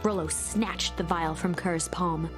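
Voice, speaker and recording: A woman giving measured, expressive scripted narration for a story game, in storybook style. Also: lowish voice, music in the background.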